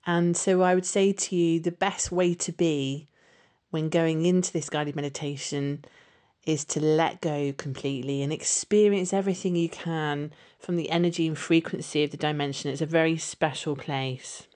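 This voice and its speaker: A woman leading a guided meditation with soothing, unhurried instruction. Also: low-pitched, steady tone, darkish tone.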